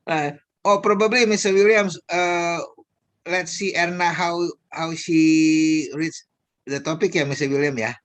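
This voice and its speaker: An upbeat man with an Indonesian accent hosts an English lesson in casual chat. His voice sits a little high and he talks slowly, chuckling and adding "ya" to his lines. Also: steady tone, a bit bright. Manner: enthusiastic, laughs often, tags sentences with "ya". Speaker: English course teacher.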